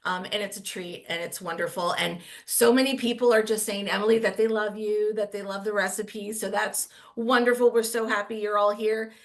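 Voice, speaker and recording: A woman's voice: mid-range voice, steady tone, moderate pace, few pauses. A woman moderating a live webinar in an upbeat way, passing on viewer questions and announcing a winner.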